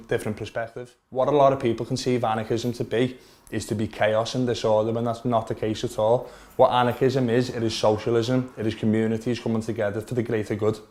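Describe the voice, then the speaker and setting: A Liverpudlian man in his twenties, who owns a vape shop, sits for a documentary interview indoors in his small store and lays out his opinions earnestly and at length. His voice is medium in pitch with a darkish tone and a Liverpool accent.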